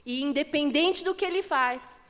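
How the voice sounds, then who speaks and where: Woman pastor, high voice, lively conversational sermon, long church reverb. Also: normal speed. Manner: lively, conversational preaching with acted quotes. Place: church sanctuary.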